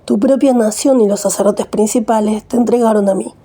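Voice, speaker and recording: Stern male governor, questioning; woman reader voices him with a dark husky tone. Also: mid-range voice, steady tone, a little fast, close to an everyday voice. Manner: read plainly in the reader's own voice.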